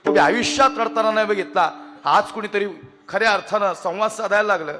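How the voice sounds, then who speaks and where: High-voiced preacher ringing through a hall. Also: male voice, fast talker. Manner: emotive storyteller, addresses listeners directly, swells into loud chanting. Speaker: kirtan preacher. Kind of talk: devotional kirtan sermon with storytelling. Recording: long reverb of a large hall.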